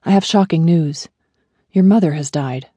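A woman voicing an older male family attorney who speaks softly and consolingly in an audiobook. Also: low-pitched, moderate pace, breathy edge, no room sound. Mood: gentle, grave. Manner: soft, consoling.

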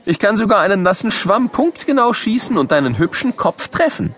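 A man's voice: sits high, very animated, brisk, a bit bright, slight background noise. A man voicing a cocky prankster schoolboy in a children's audiobook, boastful and teasing.

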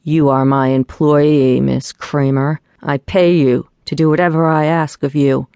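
A woman's voice: fairly even intonation, dark tone, dry recording. Woman voicing a somber vampire boss. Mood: commanding. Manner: slow, low and commanding. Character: brooding vampire billionaire boss, man, deep and somber.

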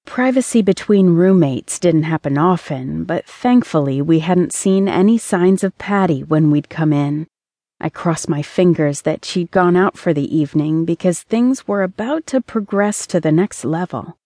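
A woman narrating a first-person romance audiobook in an expressive, measured way, on a close studio mic. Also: on the low side, no room sound.

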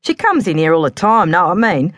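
A woman's voice: lowish voice, very animated, a little fast, no room sound, studio quality, voice pushed up. A woman voicing a flirty, self-assured male pub licensee in his early thirties with a Cockney accent, overly familiar and chummy. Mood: chummy flirting.

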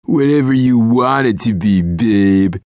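Smug, slow-drawling barfly voiced by a male narrator; higher than his own voice, dry close studio sound. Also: a little mellow, no room sound, natural voice. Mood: smarmy. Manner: slow smarmy drawl, pleased with himself. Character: sleazy young man hitting on a woman with pickup lines. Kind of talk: audiobook character voice.

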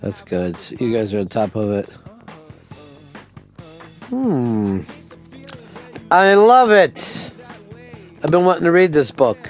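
A man's voice: mid-range voice, very animated, a little slow, pauses often, a little mellow, soft background music. A man hosting a talk radio show, trading sarcastic, profane jabs with his co-hosts in the studio. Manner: teasing, sarcastic, swears freely.

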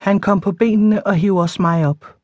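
A woman narrating a novel as an audiobook reader, in a measured, even storytelling manner. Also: medium pitch, no echo. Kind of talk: scripted narration.

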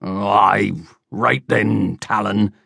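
A man voicing a burly, boastful axeman who is tipsy, with a deep rumbling voice and slow, swaying delivery. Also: steady tone, creaky, bright, forceful tone, husky, no room sound, clean studio sound, full character voice. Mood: sheepish. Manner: tipsy, swaying, hiccuping toasts. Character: burly drunken male axeman, boastful and gruff.

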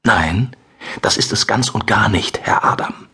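A man's voice: mid-range voice, a little fast, fairly bright tone, slightly rough. A man voicing a brutal, threatening guard commander in his fifties. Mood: hissing threat. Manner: threatening, hissing, contemptuous. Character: bull-necked Swiss Guard commander, man in early fifties, menacing and brutal.

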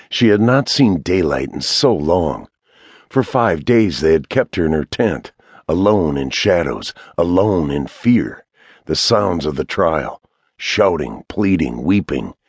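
Deep, slow, husky male narrator. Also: no echo. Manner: measured, even storytelling. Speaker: audiobook narrator. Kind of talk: scripted fantasy audiobook narration.

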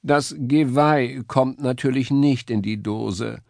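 A man's voice: mid-range voice, slow, creaky, darkish tone, dry recording, clean studio sound, pitched above the performer's own voice. A man voicing a haughty, greedy house cat in a children's audiobook, speaking with arrogant drawl.

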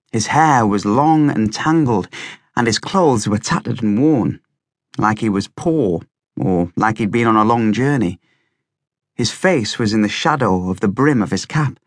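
A man reads an audiobook in a plain, steady manner. His mid-pitched voice is close on the microphone, and the recording is completely dry. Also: no echo. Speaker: audiobook narrator. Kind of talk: scripted audiobook narration.

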